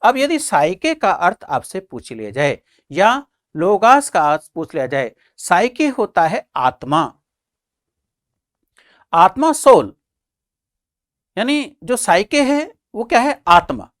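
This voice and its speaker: A male teacher delivers an exam-prep lecture in a lively voice that swoops up and down. He keeps throwing questions at the class and answering them himself, driving each point home by saying it again. The recording is dry and close, with no room sound. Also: high-pitched, slow, long pauses, no room sound. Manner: repeats key points for emphasis; addresses listeners as friends and children.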